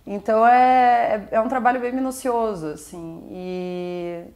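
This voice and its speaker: A woman's voice: on the high side, steady tone, a little slow, a little mellow, dull audio. A young Brazilian woman, a musical theatre performer, chatting casually as an interview guest and often ending her points with little tag questions. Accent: Brazilian Portuguese.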